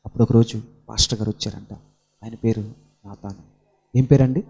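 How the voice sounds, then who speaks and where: A male preacher telling a story dramatically, asking the congregation questions and answering them himself, his voice climbing high and loud in intense stretches. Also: steady tone, fairly quick, creaky, breathy edge, faint music behind. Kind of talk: sermon. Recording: long hall reverb.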